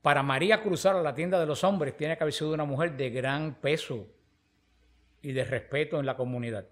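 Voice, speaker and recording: On the high side and a little fast, a man's voice teaches on the Bible in conversational fashion. He is a preacher, telling lively stories and playing out the spoken exchanges.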